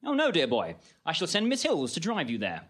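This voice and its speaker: Comic radio detective: a man as a brisk, teasing sleuth, lively higher voice. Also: heavily acted. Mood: wry. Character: confident wry male detective. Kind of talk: comedy audio drama.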